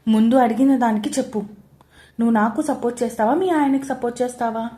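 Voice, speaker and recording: A woman voicing Surya, a playful young husband and brother who teases in quick, loud, mock-aggrieved bursts. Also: a little high, lightly acted. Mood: teasing.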